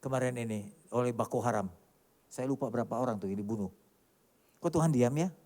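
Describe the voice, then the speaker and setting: A male pastor preaching a sermon emphatically, with many rhetorical questions and sharp swings between loud and quiet delivery. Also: mid-range voice, a little fast. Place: large church hall. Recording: church hall reverb.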